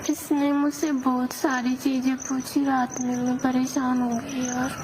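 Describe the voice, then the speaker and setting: In an audio drama, a woman voices a young newlywed bride confiding in her lover, in the style of an intimate phone call. Her fairly high voice moves unhurriedly and flatly, with little melody, and she sounds hesitant and plaintive. The amateur call-style recording has clear background noise.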